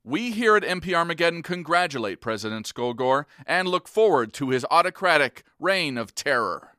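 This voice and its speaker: Earnest deadpan wasteland radio news host, crisp forward voice, lots of pitch movement, faint music. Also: male voice, a little fast, a little hiss or hum. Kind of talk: mock public-radio news and interview.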